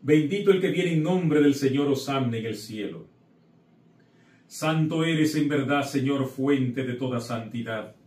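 A man's voice: medium pitch, unhurried, a little mellow. A middle-aged man, a priest, preaching with encouragement and then solemnly reciting the prayers of the Mass. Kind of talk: sermon and Mass liturgy. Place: small chapel set with altar, indoors. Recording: echoey room, voice from far off.

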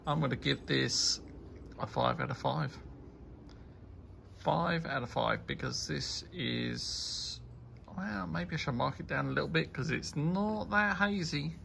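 Male beer reviewer, deep-fried gravelly voice, unhurried casual chat, light hiss behind. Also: sharp tone. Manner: rambling, enthusiastic tasting remarks.

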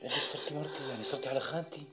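An actor with a Syrian accent playing a gentle husband who soothes his wife, in a TV drama. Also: mid-range voice, fairly even intonation, racing, roomy sound, music in the background, natural voice. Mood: tender. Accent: Syrian Arabic. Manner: tender, soothing.

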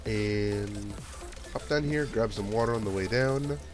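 With game music playing behind him, an unhurried, stuffy-nosed man speaks on the low side. He offers relaxed let's play commentary, mulling over his next move out loud.

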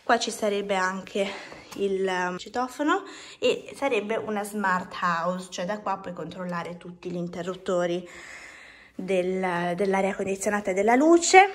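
A woman's voice: mid-range voice, unhurried. A young woman giving a casual home tour, chatting with fillers as she walks through her apartment, filming on a handheld phone. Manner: walking while filming. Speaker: vlogger. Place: apartment rooms indoors. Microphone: phone held at arm's length.

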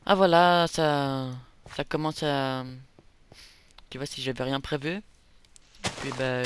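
Young guy rambling over a game, jokey, mid pitch, noisy home mic. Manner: rambling, self-mocking, jokey asides. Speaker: gameplay commentator. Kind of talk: casual let's play commentary.

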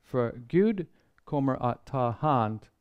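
A man giving a sermon-style Bible lecture, measured and earnest, pausing often and restarting phrases as he thinks. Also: mid-range voice, lively intonation, clear, resonant tone, muffled recording. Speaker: Bible seminar speaker.

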